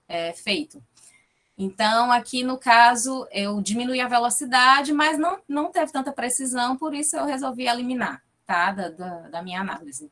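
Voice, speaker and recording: A woman's voice: fairly high pitch, a bit bright. A woman with a Fortaleza accent giving an academic presentation over a video call, explaining her research findings and checking in often with her listeners. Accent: Fortaleza, Ceará. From Fortaleza, Brazil. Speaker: guest lecturer, linguistics researcher.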